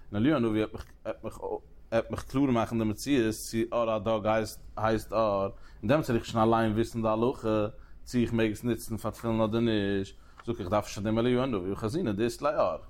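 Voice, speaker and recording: A man teaching a religious text as a study lecture, talking in rapid bursts, repeating and restarting phrases and posing questions as he works through the reasoning. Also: mid-range voice, a little mellow. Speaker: Talmud teacher.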